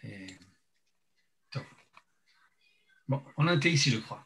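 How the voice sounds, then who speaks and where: Halting male teacher, mouth numb from the dentist. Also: medium pitch, lively intonation, gravelly, a bit bright, a little hiss or hum. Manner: hesitant, repeats and searches for words. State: mouth partly numb from dental anaesthetic. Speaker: religious teacher. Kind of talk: informal religious text lesson.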